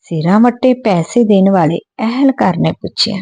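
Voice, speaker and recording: A woman narrating a history book aloud, steady and earnest. Her voice is dark and mellow, and the recording is dry and close with no room sound. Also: mid-range voice, normal speed, creaky, breathy edge, no room sound, lo-fi sound. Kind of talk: storybook narration.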